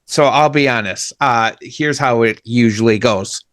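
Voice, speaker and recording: An easygoing man from Minnesota hosting a casual podcast chat, poking fun at himself. His voice sits in a middle pitch, and the recording is dry and close. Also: unhurried, a bit bright, no echo. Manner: easygoing, self-deprecating, laughs. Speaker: podcast host.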